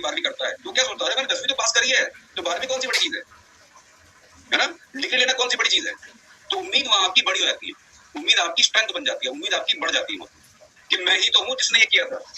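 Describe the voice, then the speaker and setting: A man giving a motivational talk to a wellness club group, animated and mixing English phrases into his speech, with a husky voice. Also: high-pitched, slight background noise, low-quality recording.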